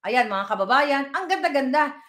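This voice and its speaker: Bright high-voiced woman vlogger. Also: expressive, normal speed. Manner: emphatic, talks to viewers directly and reads their comments aloud. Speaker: political vlogger. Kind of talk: casual live commentary vlog.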